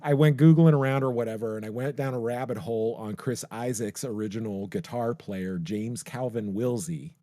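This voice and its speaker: A man's voice: medium pitch, moderate pace, hardly any pauses, warm tone, no room sound, studio quality. A man co-hosting a podcast, chatting loosely about music with lots of "like" and "you know". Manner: rambling, full of "like" and "you know". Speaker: podcast co-host. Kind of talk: casual music discussion.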